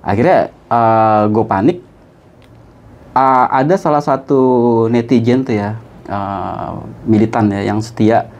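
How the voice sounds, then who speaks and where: A man, a guest telling a story in casual chat; he is animated and often laughs. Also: slow. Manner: animated, jumps high in pitch for quoted voices, laughs often.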